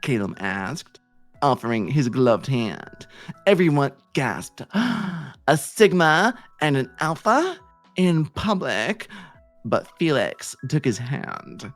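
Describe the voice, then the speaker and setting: A man streamer reading silly fan fiction aloud in a playful, animated storytelling way with sudden shouts. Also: mid-range voice, slow, soft background music.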